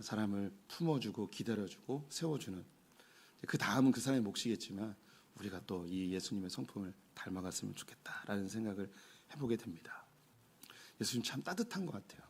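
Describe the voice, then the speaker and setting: Husky Korean pastor preaching a sermon. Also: male voice, on the low side. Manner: warm storytelling with frequent "예" asides. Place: church sanctuary.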